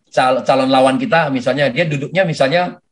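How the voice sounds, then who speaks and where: A man giving a lively sales coaching talk for network marketing, who often addresses his listeners as sir and acts out sales conversations. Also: mid-range voice, fairly quick. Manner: animated, addresses listeners as "Pak" constantly.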